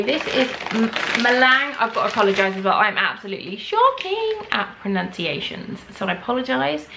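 A young English woman chatting excitedly as she tries snacks on her vlog at home, gasping at what she finds. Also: mid-range voice, vocal fry, a little hiss or hum, low-quality recording. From England. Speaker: vlogger. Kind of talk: casual snack-tasting vlog.

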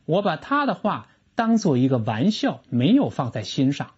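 A teacher giving a lively lecture on an English textbook lesson, explaining phrases emphatically and asking rhetorical questions. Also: medium pitch, moderate pace, husky. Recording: dull lo-fi recording.

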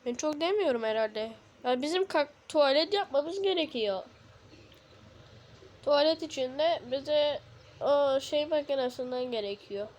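A woman with a high, bright-sitting voice narrates her survival game in a loose, slangy way. She talks while lying down and jumps quickly from chatty explanation to excited yelling. Faint background noise sits under her voice. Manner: excitable, slangy, shouts in bursts. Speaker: gaming video host. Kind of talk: casual gameplay commentary.

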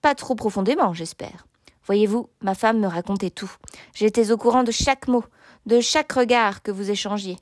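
A woman's voice: medium pitch, normal speed, no room sound, clean studio sound, lightly acted. A woman voicing a huge male knight in a storybook reading, taunting and sneering. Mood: explaining. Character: huge mocking male knight, later a kindly lord.

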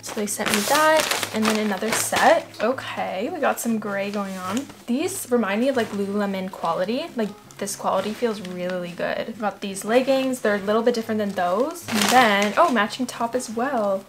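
A woman's voice: medium pitch, moderate pace, hardly any pauses, background noise. A young adult woman vlogging casually, bubbly and gushing, filling her talk with "like" and "literally". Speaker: lifestyle vlogger. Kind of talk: casual vlog chat.

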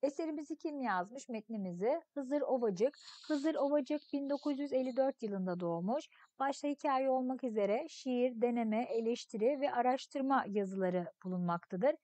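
High-voiced woman teacher reading aloud. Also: normal speed, few pauses, no echo. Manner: expressive, clear storytelling reading. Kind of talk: reading a story aloud in a lesson.

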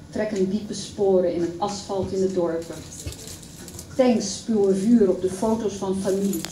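A woman reciting a poem at a public event in a measured, solemn reading. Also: medium pitch, dark tone, a little hiss or hum. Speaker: poetry reader. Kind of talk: poetry recitation. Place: event hall. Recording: echoey hall from far off.

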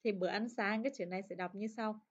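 A woman teaching an English lesson, repeating words and sentences slowly and clearly for learners to copy. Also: medium pitch, fairly even intonation, highs cut off. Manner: slow, drawn-out pronunciation drills. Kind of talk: language lesson.

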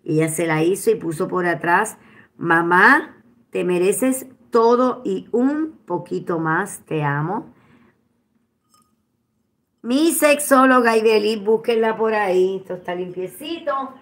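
A Puerto Rican woman chatting casually with her followers at home, expressive and quick to swear. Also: medium pitch. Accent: Puerto Rican Spanish. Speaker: vlogger. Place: at home, indoors.

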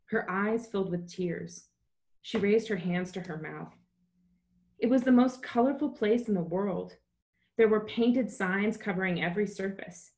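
A woman's voice: mid-range voice, a little mellow. A woman novelist reading from her book, then talking casually about writing with many fillers, over a video call. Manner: plain, with many fillers in talk.

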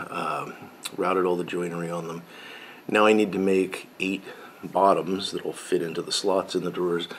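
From his home workshop, where tools hang on a pegboard, a middle-aged, pipe-smoking woodworking channel host talks casually to the camera. He rambles, corrects himself often, and leans on fillers, his low voice set against slight background noise.

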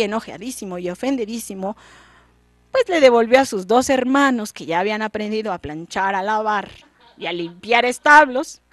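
A young Mexican woman hosting an educational program, telling a folk tale in an animated, expressive way. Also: no room sound. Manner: animated, expressive, with lively pitch swings. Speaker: storyteller host. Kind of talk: radio storytelling for school children.

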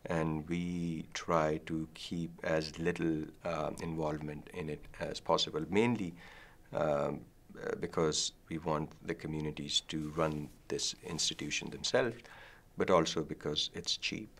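A middle-aged man from Pakistan, a professor, answering interview questions thoughtfully with many ums and pauses, in a studio. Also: extremely low pitch, steady tone, fairly bright tone. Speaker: guest, professor. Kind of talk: academic interview. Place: dark studio set, seated.

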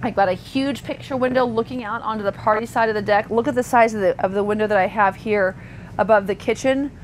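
A woman's voice: mid-range voice, quick pace. A woman, an RV sales associate, giving a thorough walkthrough tour inside a parked motorhome, talking chattily with fillers and self-corrections. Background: faint hum of air conditioning.

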